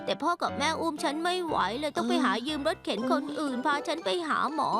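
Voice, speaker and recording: A woman dubbing a cheerful, self-mocking teenage schoolgirl in a TV drama, a lively and comic storyteller. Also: high-pitched, quick pace, over music. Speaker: voice actor. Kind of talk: dubbed TV drama.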